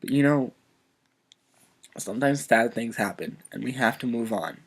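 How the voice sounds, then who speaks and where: Male vlogger, quiet and earnest, halting delivery, on the edge of tears, plain mid-pitch voice. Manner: soft-spoken. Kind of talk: emotional personal video message.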